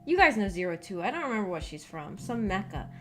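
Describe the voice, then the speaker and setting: Over background music, a streamer running a visual novel book club talks quickly in a medium-pitched voice. The young adult woman rambles through anecdotes casually, giggling, packing in fillers, and saying "like" a lot as she tells them animatedly.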